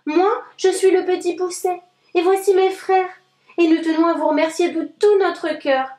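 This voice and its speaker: A woman's voice: very high-pitched, steady tone, moderate pace, darkish tone, roomy sound, pitched above the performer's own voice. A woman doing a tiny grateful boy.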